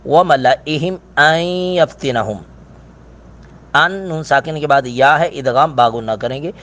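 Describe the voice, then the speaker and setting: A middle-aged man teaching a recitation lesson, explaining pronunciation rules plainly and then chanting verses in a slow, drawn-out way. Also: medium pitch, fairly bright tone.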